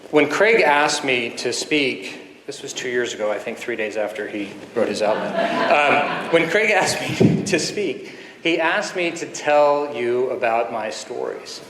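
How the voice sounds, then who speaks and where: A man in his fifties, a surgeon giving an earnest keynote speech full of anecdotes, with pauses and fillers, at a podium microphone in a conference hall. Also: mid-range voice, expressive, fairly bright tone, slight background noise. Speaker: guest speaker, surgeon. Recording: echoey hall with faint ambience.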